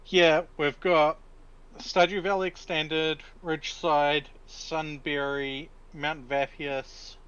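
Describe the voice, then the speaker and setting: A man's voice: fairly high pitch, flat delivery, takes it slowly, fairly bright tone, dull audio. A man streaming a video game with casual, conversational chat. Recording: clearly noisy background.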